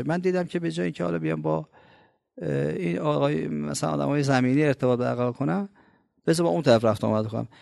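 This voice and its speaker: A man preaching a colloquial religious sermon, asking his listeners rhetorical questions and swinging between loud, pressing emphasis and soft asides. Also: fairly high pitch, gravelly, no room sound, studio quality.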